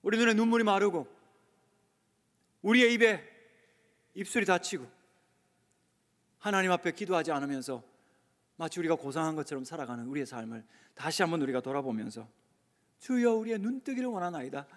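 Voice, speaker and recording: A man preaching a revival sermon, lively and conversational, who acts out little dialogues and leads the congregation in call-and-response. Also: a little high, a little fast, pauses often. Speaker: pastor. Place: church sanctuary. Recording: long church hall reverb.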